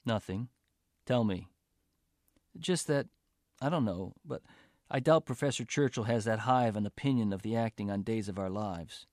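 A man's voice: lowish voice, normal speed, pauses often, darkish tone, no echo, studio quality, lightly acted. A man voicing a wry, hesitant young female college student in a story reading.

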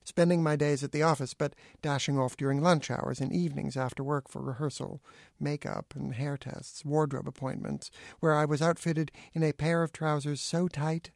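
A middle-aged man reading his own essay aloud with acerbic, deadpan wit. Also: on the high side, normal speed, gravelly, no echo, clean studio sound. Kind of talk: dry witty essay reading.

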